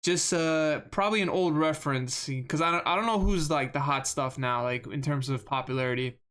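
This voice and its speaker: Talking fairly quickly in a flat, mid-range voice, this streamer rambles on over live gameplay, often repeating words and putting himself down.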